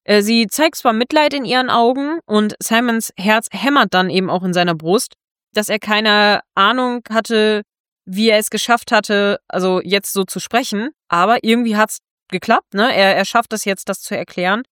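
A chatty woman retells a story in relaxed conversation, checking in with her listener now and then. Her voice sits at a middle pitch. The sound is dry and close, with no room around it. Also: normal speed, clear, resonant tone, dry recording. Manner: chatty, keeps tagging lines with 'ne?'. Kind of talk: casual chat retelling a novel.

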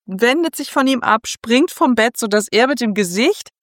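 A woman's voice: fairly high pitch, normal speed, no room sound, studio quality. A woman co-hosting a casual talk show, retelling a book scene and acting out the characters' lines. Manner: retells scenes with lively quoted voices. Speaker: podcast co-host. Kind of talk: casual book discussion with acted quotes.

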